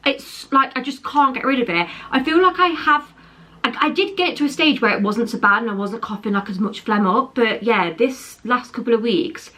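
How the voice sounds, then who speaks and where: A young woman's fairly high, pushed and bright voice moves at a moderate pace as she vlogs indoors at home. Chatty and rambling, she keeps self-correcting, wheezy with a chest infection.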